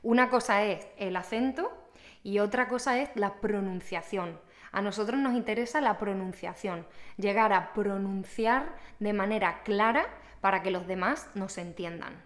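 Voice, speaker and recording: A young woman teaches Spanish, speaking casually to the camera and explaining each point clearly and patiently for the viewer. Her voice is medium in pitch and her speed is normal.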